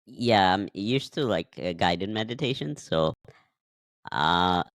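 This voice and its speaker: A man's voice: deep voice, animated, slow pace, a bit bright, dry recording. A man from Nepal hosting a casual interview, friendly, laughing often and hesitating as he speaks. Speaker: podcast host.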